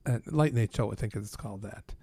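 Earnest, measured priest as guest. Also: male voice, fairly low pitch, creaky, breathy edge, no echo. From Canada. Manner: earnest, measured, warmly praising, dry quips. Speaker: priest and Vatican press aide. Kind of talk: interview guest, earnest conversation.

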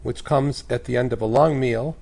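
Hoarse, raspy man with gravelly creak. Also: mid-range voice, steady tone, a little mellow. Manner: measured, uses analogies and lists. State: hoarse from days of shouting. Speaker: priest, guest commentator. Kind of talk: explanatory panel talk.

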